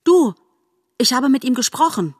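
A woman's voice: medium pitch, lively intonation, normal speed, dry recording, studio quality, close to an everyday voice. A woman voicing a young, polite male fawn in a storybook, eager and modest. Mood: excited.

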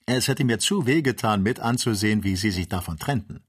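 A man voicing a plucky young servant, higher. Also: brisk, breathy edge. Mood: cheeky. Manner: plucky, offhand. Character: loyal cheerful young male servant.

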